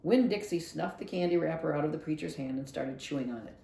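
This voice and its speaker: Female storybook narrator, library read-aloud style: expressive, mellow, gravelly edges, roomy recording. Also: low voice, fast talker. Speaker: library read-along reader.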